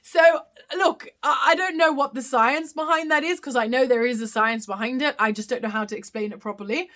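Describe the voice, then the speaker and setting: Her voice sits high, fairly quick and a bit bright as this young woman hosts a casual live Q&A stream. The accent is Australian with slight British touches, and her chatter rambles, full of ums and corrections of herself.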